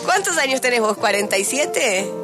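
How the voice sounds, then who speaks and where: Chatty woman, high voice. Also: big pitch swings, moderate pace, music in the background. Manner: chatty, reassuring, teasing. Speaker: radio co-host. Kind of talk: joking studio banter. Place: radio studio.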